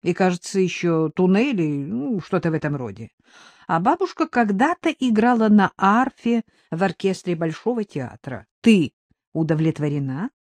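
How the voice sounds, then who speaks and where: A woman's voice: fairly low pitch, expressive, moderate pace, a little mellow, dry recording. A woman voicing a middle-aged male writer who grumbles and teases his sister. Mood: calm. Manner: grumbling, teasing.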